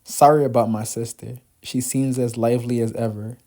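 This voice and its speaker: A man's voice: mid-range voice, flat delivery, moderate pace, mellow, lightly acted. A man voicing a curt, grumbling uncle in his thirties in a manga read-aloud. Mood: gruff.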